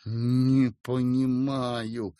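A man's voice: mid-range voice, level tone, extremely slow, mellow, no echo, studio quality. A man voicing a feverish young man in a sickbed, his voice thin and cracked. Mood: weak. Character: weak feverish young man, sick in bed.

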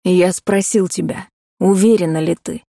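A woman voicing a blunt, teasing young man in an audiobook, speaking low and unhurried. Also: fairly even intonation, creaky, mellow, dry recording, studio quality. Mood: smug.

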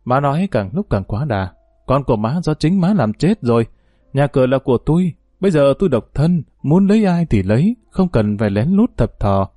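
Man doing a defiant young woman, blunt, indignant, mellow dark tone, dry sound. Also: medium pitch, big pitch swings, moderate pace, dry recording. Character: defiant young widowed woman, sharp-tongued.

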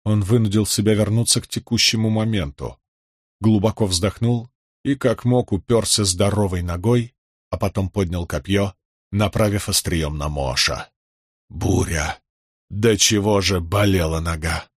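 A man reading a fantasy audiobook in a measured, steady narration. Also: low-pitched, no echo, studio quality. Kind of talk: scripted narration.

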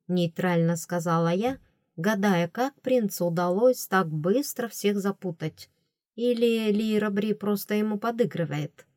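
A woman narrating a first-person audiobook in a measured, lightly ironic storytelling manner. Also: medium pitch, a little mellow, no room sound, clean studio sound.

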